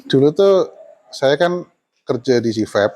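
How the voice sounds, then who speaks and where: A man's voice: mid-range voice, animated, measured pace, a little mellow, a little hiss or hum. A man in his forties, an architect guest telling stories casually, often laughing and dropping into Javanese phrases. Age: 40s. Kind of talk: casual storytelling conversation.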